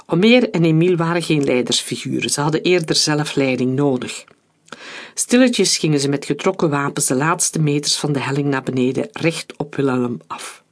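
A narrator reading an adventure story aloud in a steady, dramatic audiobook style. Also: medium pitch, normal speed.

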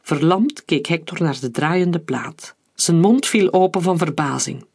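Audiobook narration, husky breathy tone, mid pitch. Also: unhurried, a little mellow.

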